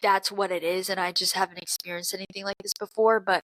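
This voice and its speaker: A woman's voice: mid-range voice, level tone, quick pace, fairly bright tone, a little hiss or hum, low-quality recording. A woman in her early twenties hosting a podcast, talking candidly and profanely in a casual confessional monologue, sounding congested from crying. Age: 20s. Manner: candid and profane, frequent fillers and slang. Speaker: podcast host.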